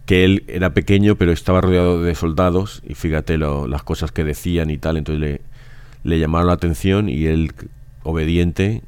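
A man's voice: deep voice, fairly even intonation, normal speed, darkish tone, clean tone, no room sound. A man in a religious discussion, reflective, who often interjects with short remarks. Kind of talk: casual devotional discussion.

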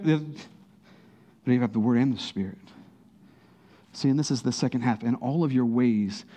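A medium-pitched man preaches a sermon as a pastor in a conversational style. He rises in bursts of emphasis, then drops to a soft near-whisper during prayerful moments.

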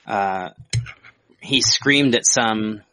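A man with a gravelly voice who is sick, chatting casually as a podcast co-host. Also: on the low side, very slow, pushed and bright, dry recording.

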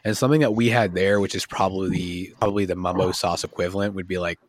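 A man's voice: deep voice, fairly even intonation, fast, slight background noise. A man from Massachusetts chatting casually on a podcast in loose, profane slang. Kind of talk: casual chat.

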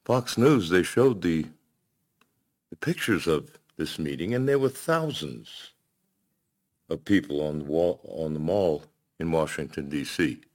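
Deep-voiced man preaching a sermon. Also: lively intonation, unhurried. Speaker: pastor.

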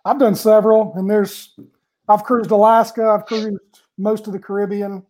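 A man's voice: sits high, little pitch movement, normal speed, darkish tone. A man co-hosting a podcast in casual chat, explaining things with asides. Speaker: podcast co-host.

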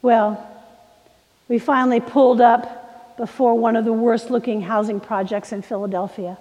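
A woman preacher telling a story in a sermon, dramatic and moving between hushed and emphatic delivery. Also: on the high side, fairly even intonation, normal speed, big-room sound, highs cut off.

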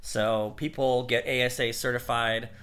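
Chill guy host rambling about his sailing job, bright voice, laughs a lot. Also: medium pitch, steady tone, measured pace. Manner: laid-back, laughs often, rambling explanations. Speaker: podcast host; sailing instructor. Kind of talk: casual chat.

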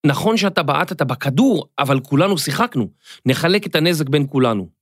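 A man's voice: a little high, lively intonation, husky, no room sound, clean studio sound. A man voicing a caring, practical young schoolgirl in a children's audio story. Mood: concerned.

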